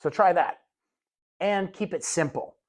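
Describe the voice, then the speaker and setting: A man leads a caregiver training lesson in a loose, conversational way. He throws in fillers and quick asides. Now and then he slows down to show careful, exaggerated enunciation. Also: high voice, a little mellow. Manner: casual, conversational teaching with many fillers and asides; demonstrates slow exaggerated enunciation. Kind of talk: recorded classroom lecture.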